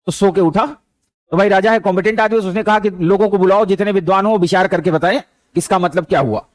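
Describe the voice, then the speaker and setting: High-voiced male teacher telling stories. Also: fast, no echo. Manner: conversational, anecdotal, mixes English words into speech. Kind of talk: motivational lecture with storytelling.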